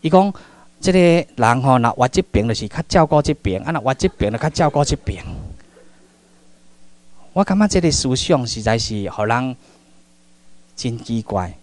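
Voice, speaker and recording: A middle-aged man from Taiwan giving a public lecture, telling stories in an animated way that swings between loud and hushed. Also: medium pitch, moderate pace, pauses often.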